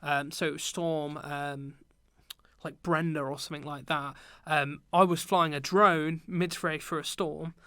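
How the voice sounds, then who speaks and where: With a fairly high, smooth voice and a measured pace, a young British man recounts work stories as a podcast guest, relaxed and using lots of ums. He is a teacher and business owner, and the audio is studio quality with no room sound.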